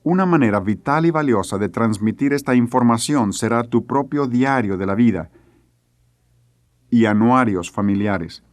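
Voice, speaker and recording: Man, middle-aged, preacher, earnest storytelling, medium pitch, dry close sound. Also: expressive, moderate pace, no room sound. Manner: earnest storytelling, acting out quoted voices. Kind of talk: sermon teaching.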